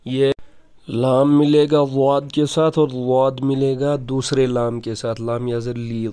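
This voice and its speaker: A man with a smooth, clear voice gives a recitation lesson. He draws out each verse slowly and repeats it for his students, then breaks into quick, even-toned explanations of how each letter is pronounced. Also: mid-range voice. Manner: slow drawn-out recitation, repeated for learners; brisk explanations of letter sounds. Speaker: Quran recitation teacher.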